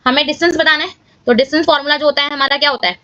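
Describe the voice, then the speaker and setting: High-voiced woman teaching a maths lesson. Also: fairly even intonation, racing, bright, forceful tone, dry recording, lo-fi sound. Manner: casual, addresses viewers as guys, checks with "clear?".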